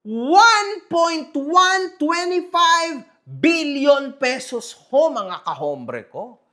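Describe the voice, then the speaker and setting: A man hosting a gossip commentary vlog, mocking and animated, swearing and calling out to his viewers. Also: very high-pitched, extremely slow. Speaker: online commentary host.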